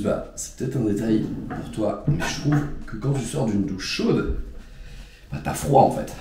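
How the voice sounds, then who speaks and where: A man vlogging casually in the morning, his voice hoarse and congested with a cold, groggy and sluggish. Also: fairly low pitch, warm tone. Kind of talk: casual morning video diary. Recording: echoey room.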